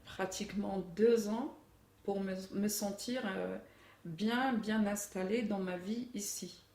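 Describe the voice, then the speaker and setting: A middle-aged woman speaks in a measured, thoughtful way, pausing on fillers as she reflects. Her voice is gravelly, and she sits a little away from the mic in an echoey room. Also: mid-range voice, steady tone, darkish tone, distant mic. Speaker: interviewee, immigrant mother. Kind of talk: reflective interview answers.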